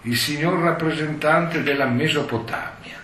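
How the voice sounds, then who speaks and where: A stentorian usher , as a lecturer acts him out, calling out arrivals in a loud, formal voice. The pitch rises and the volume swells. The hall echoes and the mic is distant. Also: male voice, unhurried. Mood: announcing. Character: booming male court usher announcing guests. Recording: roomy hall, distant mic, faint noise.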